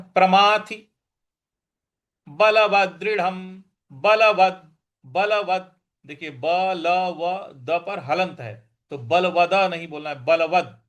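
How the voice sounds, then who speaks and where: A man teaching Sanskrit verse recitation, sounding out each word slowly and chanting lines in a sing-song. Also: a little high. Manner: slow, deliberate, repeats each word and sounds it out. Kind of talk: recitation and pronunciation lesson.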